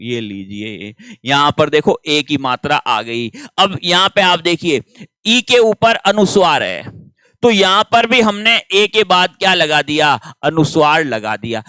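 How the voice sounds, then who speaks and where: Bright, clear-voiced male Hindi teacher. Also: a little high, lively intonation, a little slow, no echo. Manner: patient, asks questions and answers them himself. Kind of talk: classroom grammar lesson.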